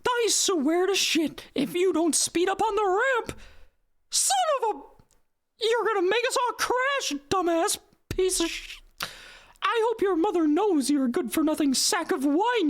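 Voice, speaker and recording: Cartoon mouse, very high squeaky falsetto, exasperated, swearing, sarcastic, stretched-out words. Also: lively intonation, unhurried. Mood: furious ranting. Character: foul-mouthed, furious high-squeaky cartoon mouse with road rage. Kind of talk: cartoon character parody.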